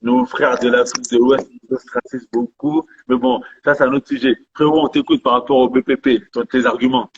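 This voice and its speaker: A man from Gabon with a mid-range voice hosts a live online debate. He speaks in a measured way and passes the floor to his guests. His call audio sounds slightly muffled and lo-fi. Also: mid-range voice, flat delivery, breathy edge. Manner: measured, gives the floor to others.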